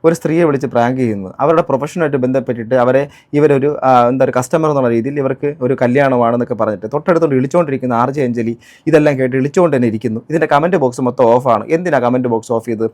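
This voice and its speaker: A reaction vlogger from Kerala, India comments on a clip very fast, indignant and firing off rhetorical questions. His voice is medium in pitch with a darkish tone.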